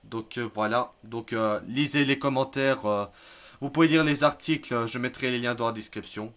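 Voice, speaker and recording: A man giving casual spoken commentary on news articles, hesitant, filling pauses and restarting his sentences. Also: mid-range voice, a bit bright. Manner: hesitant, many fillers and restarts, admits stumbling over words. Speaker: YouTube news vlogger.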